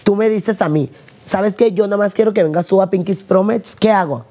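A woman's voice: mid-range voice, brisk, dark tone. A woman, co-hosting a podcast in casual chat, candid and teasing as she tells stories. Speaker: podcast co-host.

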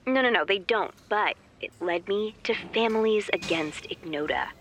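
A woman's voice: mid-range voice, moderate pace, a bit bright. A woman playing an eager, chatty amateur investigator in naturalistic audio drama dialogue, emphatic and conversational. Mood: excited.

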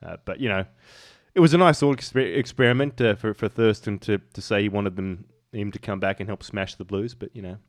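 A fast-talking man co-hosting a sports podcast, full of laughing banter. The recording is dry and close, with no room echo. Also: on the low side. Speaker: podcast co-host. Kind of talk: casual sports podcast chat.

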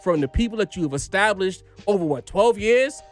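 A man with a high, very lively American voice hosts a casual hip-hop podcast. He ribs loudly and opinionatedly, swearing and repeating phrases for emphasis, over faint music. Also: a little fast. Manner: slangy, profane. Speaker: podcast host.

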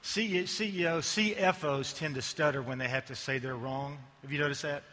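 A man's voice: on the high side, fairly even intonation, normal speed, bright, forceful tone, in a large hall. A male ad agency executive giving a conference keynote, full of joking, self-mocking asides.

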